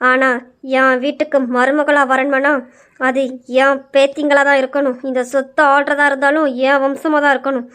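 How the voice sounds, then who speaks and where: A woman's voice: high voice, fairly bright tone. A woman voicing a domineering old grandmother who rules a wealthy household and schemes against her family. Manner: commanding, scheming.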